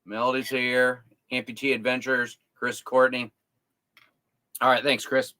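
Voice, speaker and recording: A man's voice: medium pitch, flat delivery, a little slow, bright, forceful tone. A man co-hosting a casual livestream from inside a camper, reading out viewer comments and joking. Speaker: co-host of an RV livestream.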